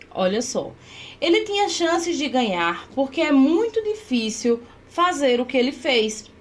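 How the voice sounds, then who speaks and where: Higher-pitched woman teaching grammar. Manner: explains step by step, often checking with "certo?". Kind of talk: exam-prep grammar lesson.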